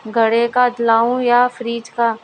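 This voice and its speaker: A woman's voice: fairly high pitch, completely flat delivery, slow, slight background noise, poor audio. A woman reading a naive young bride in a storybook. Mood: earnest. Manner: earnest, obedient, takes words literally. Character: naive, literal-minded young daughter-in-law.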